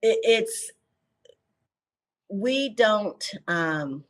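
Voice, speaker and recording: A woman's voice: mid-range voice, drawn-out words. A woman in her fifties, a podcast guest, talking animatedly and acting out quotes as she tells stories. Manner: animated storyteller, acts out quotes, laughs. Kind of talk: casual interview chat.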